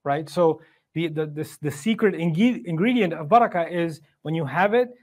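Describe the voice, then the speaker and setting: Brief: male Quran teacher, slightly higher-pitched voice, chatty explainer who recites Arabic verses and checks in with his listeners. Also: normal speed, darkish tone. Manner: conversational, asks rhetorical questions. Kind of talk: Quran commentary lecture.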